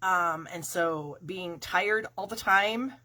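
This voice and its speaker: A woman's voice: on the low side, slow pace, background noise. A middle-aged woman with a nasal, stuffy voice from a cold chats with viewers in a casual, rambling way as the host of her own craft video. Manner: chatty and rambling, with many fillers. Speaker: stamping demonstrator hosting a live craft video.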